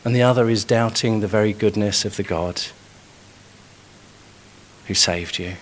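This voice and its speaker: A man's voice: on the low side, measured pace. A man preaching a sermon in an earnest, emphatic way, pressing hard on key points.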